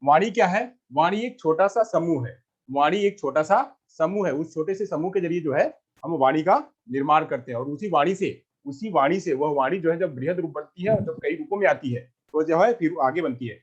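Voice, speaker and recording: A man teaches a class in a voice pitched a little high. He keeps asking a question and then answering it himself, repeating key phrases. The recording sounds dull and lo-fi. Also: lively intonation, normal speed, husky. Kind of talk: classroom lecture. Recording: lo-fi muffled recording.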